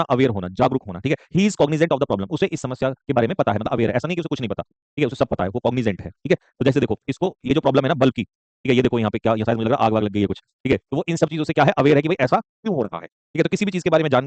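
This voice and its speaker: A man teaching a live online vocabulary class, joking and rapid, often checking in with students and calling them son. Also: mid-range voice, no room sound. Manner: joking, rapid, keeps asking "okay?"; addresses students warmly as son.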